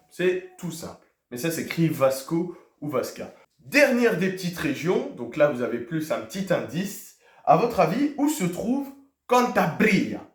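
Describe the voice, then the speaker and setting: A man teaching a video lesson, putting quiz questions to his viewers, pausing on fillers and repeating key words. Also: a little high. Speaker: Spanish teacher. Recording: echoey room.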